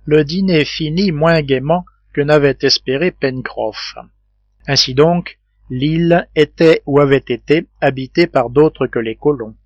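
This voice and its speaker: A man narrating a classic adventure novel as an audiobook, telling it in a steady, even way. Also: fairly high pitch, unhurried, no room sound, highs cut off. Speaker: audiobook reader. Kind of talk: scripted narration.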